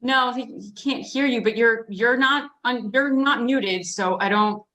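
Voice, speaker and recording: Bright-voiced woman moderating. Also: on the high side, a little slow. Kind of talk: informal moderating on a video call.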